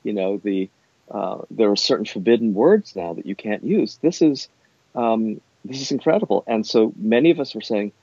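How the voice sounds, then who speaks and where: A middle-aged man, an academic, speaking discursively and thoughtfully in a conversational interview, with hesitant, measured phrasing. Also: lowish voice, lively intonation, a little mellow, breathy edge. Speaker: university academic being interviewed. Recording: dull, roomy, echoey sound.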